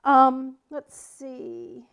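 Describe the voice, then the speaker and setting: A high-pitched woman with a Southern American accent leads a live craft tutorial from her home workspace. She talks in a chatty, friendly way, greeting viewers by name between steps, and her voice is picked up by the camera mic. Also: sing-song, very slow, clean tone, dull audio. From South Carolina, United States. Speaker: wreath-making teacher and shop owner.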